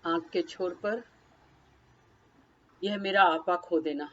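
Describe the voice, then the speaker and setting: A woman's voice: fairly low pitch, slow, highs cut off. A woman leading a guided tapping session, naming each body point and then speaking a short first-person phrase for the listener to repeat.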